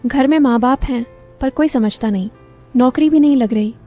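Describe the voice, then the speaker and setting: Woman reading a shy young male patient, hesitant and bashful, mellow tone. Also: sits high, moderate pace, soft background music, natural voice.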